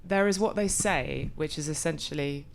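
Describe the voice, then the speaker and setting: A woman's voice: low-pitched, moderate pace, gravelly, a crowd in the background. A woman in her forties being interviewed about her acting work, thoughtful and often restarting as she searches for words. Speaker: actor, interview guest. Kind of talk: conversational interview.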